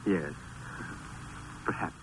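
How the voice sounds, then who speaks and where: An actor playing a brooding, impassioned male poet in theatrical, declamatory 1950s radio drama style. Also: extremely slow. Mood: wry, subdued. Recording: noisy old 1950s radio recording.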